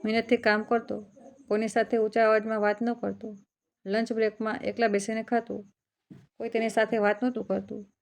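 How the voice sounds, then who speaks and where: A woman storyteller reads a family drama aloud in a calm, steady way. Her voice is gravelly with a flat, level melody. She voices the father's story in first person. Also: a little high, a little fast. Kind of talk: scripted narration of a family story.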